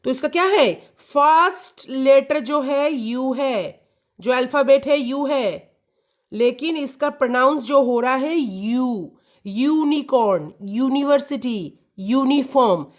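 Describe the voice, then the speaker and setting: A woman explains a grammar lesson to children at an unhurried pace. She repeats words over and over and keeps checking that they follow. Her voice sits a little high. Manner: repeats key words, checks "clear?" and "ठीक है". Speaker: teacher.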